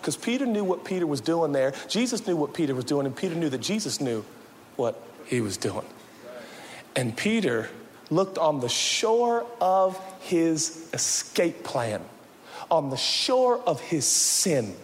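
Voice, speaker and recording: A man preaching a sermon as pastor, swinging from loud shouts to hushed, low passages. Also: very animated, measured pace, in a large hall, a little hiss or hum. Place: church sanctuary.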